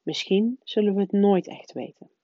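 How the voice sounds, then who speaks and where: A woman reading aloud voices an old male wizard headmaster who talks in a calm, mild, measured way. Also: mid-range voice, no room sound, pitched above the performer's own voice, lightly acted. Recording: dull, dry lo-fi recording.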